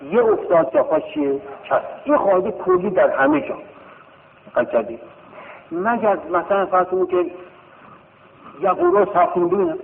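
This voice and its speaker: A male teacher giving a classroom grammar lesson, drilling verb forms in a slow sing-song chant and checking with rhetorical questions. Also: high voice, vocal fry. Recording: tinny phone-like sound in a reverberant hall.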